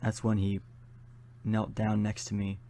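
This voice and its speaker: A man recounting a scary story in the first person, in a measured, somber way with pauses. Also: on the low side, completely flat delivery, dark tone, a little hiss or hum. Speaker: narrator recounting own dream.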